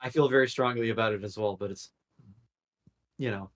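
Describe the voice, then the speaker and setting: A man's voice: fairly low pitch, brisk. A man co-hosting a casual podcast chat, rambling with many fillers and restarts.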